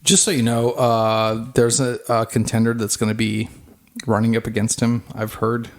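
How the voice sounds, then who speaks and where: Gravelly-voiced wisecracking man. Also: mid-range voice, flat delivery, moderate pace. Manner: wisecracking, laughs at his own jokes. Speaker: band member and podcast co-host. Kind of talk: casual chat over beers.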